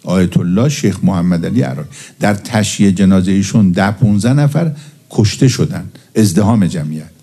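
A man's voice: deep voice, creaky, mellow, slightly rough. A man preaching a religious sermon and telling jokes with a storyteller's timing. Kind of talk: religious sermon with humorous anecdotes.

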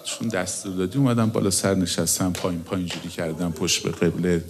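A middle-aged male cleric preaching a sermon, emotive and often dropping to a hushed whisper. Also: low voice, little pitch movement, crowd noise.

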